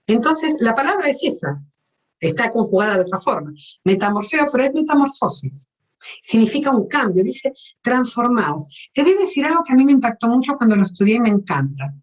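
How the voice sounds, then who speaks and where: A woman's voice: a little high, low-quality recording. A woman preaching a teaching sermon at a women's meeting, asking her listeners questions and explaining Greek words.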